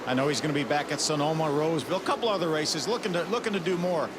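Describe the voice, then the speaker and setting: High-voiced male motorsport commentator, analytical. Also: very fast, background noise. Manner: explanatory, technical. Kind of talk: live race commentary and analysis. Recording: music behind the voice.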